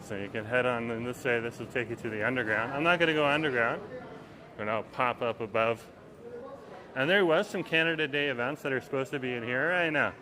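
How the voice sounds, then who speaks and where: A man livestreams from his phone while walking through a packed waterfront festival outdoors, giving easygoing, rambling walking-tour commentary and reading viewer comments aloud. His voice sits at an ordinary middle pitch for a man, and he talks fairly quickly. Loud, clear crowd chatter surrounds him.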